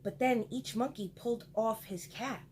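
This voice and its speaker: A woman's voice: fairly high pitch, moderate pace, darkish tone, slight background noise. A woman reading a picture book aloud to children and adding chatty asides to her listeners. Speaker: storyteller for children.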